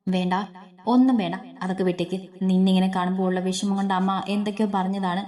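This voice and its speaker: A woman's voice: mid-range voice, steady tone, quick pace, warm tone, lightly acted. A woman voicing a protective young man who comforts his crying sister in a soothing, reassuring way. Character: protective older brother, gently comforting.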